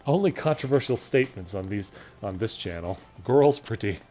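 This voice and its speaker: A man's voice: on the low side, lively intonation, moderate pace, darkish tone. A man streaming a video game, chatting and joking as he thinks aloud. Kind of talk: casual gameplay commentary.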